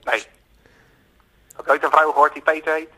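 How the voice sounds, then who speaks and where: A man's voice: a little high, level tone, fairly quick, bright, forceful tone, poor audio. A man calling in to a radio show, hesitant and repetitive, padding his sentences with filler words. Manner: hesitant, repeats himself, leans on filler words. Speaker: radio caller. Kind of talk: phone-in chat.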